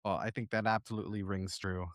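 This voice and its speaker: A man's voice: fairly low pitch, little pitch movement, quick pace, a bit bright, no echo, studio quality. A man hosting a podcast, asking questions and affirming his guest attentively. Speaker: podcast host. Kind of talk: podcast interview.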